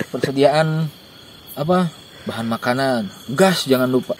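Young guy outdoors at night giving camping tips, jokey and animated, faint crickets behind, camera a few steps off. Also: medium pitch, unhurried, background noise. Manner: joking, animated, gestures while talking. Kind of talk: casual outdoor interview. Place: outdoors in a dark forest at night. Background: faint insects and crickets.

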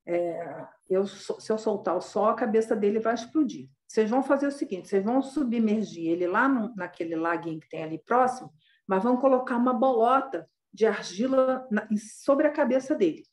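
A compassionate male ascetic speaks in a patient, explanatory way, as a woman puts him on. His voice sits somewhat above her normal pitch, and he keeps pleading his case. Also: expressive, a little fast, roomy sound, close to an everyday voice. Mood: reasoning, compassionate.

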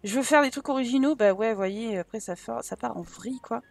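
A woman's voice: a little high, brisk, vocal fry. A woman doing frantic, self-mocking commentary while racing through a timed home-building game challenge. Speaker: gaming YouTuber. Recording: faint game music behind.

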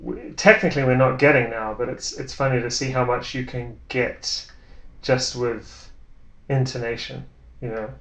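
A man's voice: mid-range voice, level tone, normal speed, a bit bright. Musing New Zealand man in a roomy space. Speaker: guest bassist. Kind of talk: casual chat. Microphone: headphones on, remote link.

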